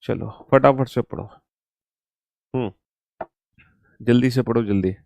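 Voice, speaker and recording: A man teaching an online exam-prep reasoning class, dictating slowly to his students and repeating each instruction. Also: mid-range voice, creaky, warm tone, no echo.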